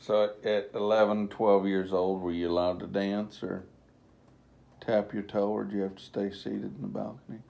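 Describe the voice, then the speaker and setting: A man conducts a casual interview in a mellow, low voice. He takes his time with each question, and his voice has a gravelly fry. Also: level tone, moderate pace, highs cut off.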